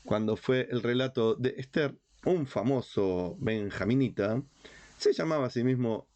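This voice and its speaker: A Uruguayan rabbi with a Rioplatense accent teaches religious history in an informal lecture, his medium-pitched, darkish voice moving at an unhurried pace. He is didactic and emphatic, leaning on rhetorical questions and repetition.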